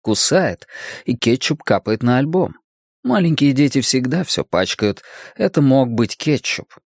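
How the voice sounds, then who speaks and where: Steady male audiobook narrator, dry close sound. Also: creaky, no echo. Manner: measured, steady reading that drops low on grim lines. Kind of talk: scripted narration.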